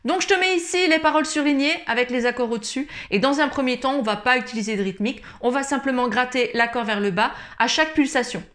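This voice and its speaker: A woman calmly explaining ukulele chords and strumming step by step in a tutorial. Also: sits high, fast, hardly any pauses. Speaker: ukulele teacher.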